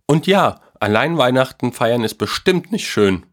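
A man voicing an excited little boy in a storybook reading, with an eager, bright way of talking. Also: medium pitch, unhurried, pitched above the performer's own voice, natural voice.

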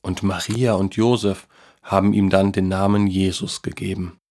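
A man's voice: low voice, little pitch movement. A man doing a kind old grandfather. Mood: gentle. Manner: gentle, slow explaining. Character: kind, warm older grandfather.

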